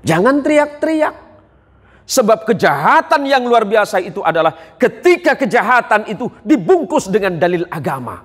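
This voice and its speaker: A man's voice: sits high, big pitch swings, normal speed, husky. A male Islamic preacher giving a humorous religious lecture to a gathering in a large hall, bantering and joking with the audience. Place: large hall at a police headquarters.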